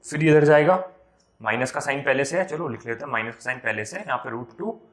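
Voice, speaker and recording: A man teaching vector algebra step by step for an entrance exam, slowing down as he reads out each term. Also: medium pitch, echoey room. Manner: slows down when reading out terms, mixes English math words. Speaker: math teacher.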